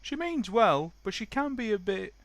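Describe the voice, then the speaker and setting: A man's voice: high voice, sing-song, moderate pace, no room sound, pitched above the performer's own voice. A man voicing a friendly young male tank engine who hesitates over his words. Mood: hesitant.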